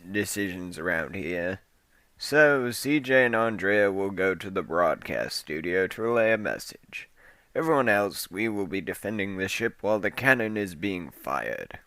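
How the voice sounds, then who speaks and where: A man's voice: on the low side, pushed and bright, no room sound, heavily acted. A man playing a commanding, wisecracking male rebel leader who gives orders to his crew. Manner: commanding, sarcastic.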